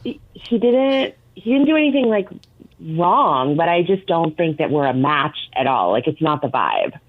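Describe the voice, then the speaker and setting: A woman's voice: sits low, big pitch swings, moderate pace, dry recording. A woman called on air by a radio show, explaining herself hesitantly with many fillers, heard over a tinny phone line.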